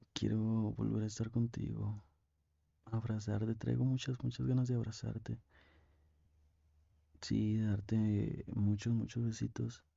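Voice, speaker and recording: Man acting as a young Mexican boyfriend, ASMR role-play, tender, very flat low pitch, dull close recording. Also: gravelly, slightly rough, dry recording, heavily acted. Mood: longing. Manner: tender, slow, intimate, with pauses. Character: affectionate young boyfriend on a phone call, tender and lovesick. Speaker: ASMR performer.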